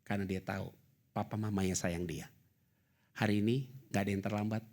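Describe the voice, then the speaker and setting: A middle-aged male pastor preaching at a church service, moving between loud, high-pitched emphasis and quiet, low, fatherly asides, with casual slang mixed in. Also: steady tone, fairly quick. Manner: mixes casual slang and English words into his talk. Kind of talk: sermon.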